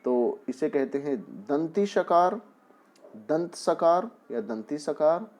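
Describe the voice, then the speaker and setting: A man's voice: a little high, sing-song, slow pace, darkish tone. A man teaching a Hindi spelling lesson to young pupils, patient and explaining step by step with repeated examples. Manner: often asks the class "है ना".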